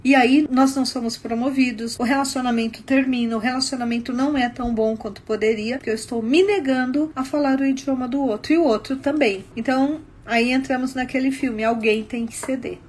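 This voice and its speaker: A Brazilian woman with a Brazilian Portuguese accent, teaching about communication in an animated style full of stories and rhetorical questions. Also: high voice, brisk, few pauses, a little hiss or hum. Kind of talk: expressive talk.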